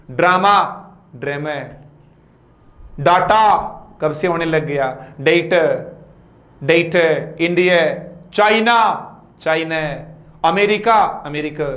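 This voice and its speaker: A high-voiced man teaches English grammar in Hindi, reading each example sentence slowly and deliberately. He pokes fun at common mispronunciations. His voice echoes around the room. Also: a bit bright. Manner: scolds mispronunciations playfully. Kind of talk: live online grammar class.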